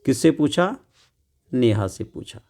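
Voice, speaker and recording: A man tutoring English from a children's workbook, explaining slowly and repeating each word, asking questions and answering them himself. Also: mid-range voice, lively intonation, dark tone. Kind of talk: classroom lesson explaining a workbook.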